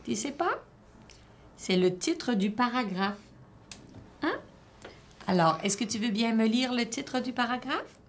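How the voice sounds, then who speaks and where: A woman's voice: fairly high pitch, expressive, measured pace, pauses often, a little hiss or hum. A woman teacher, patiently questioning and encouraging a child during a one-on-one reading assessment.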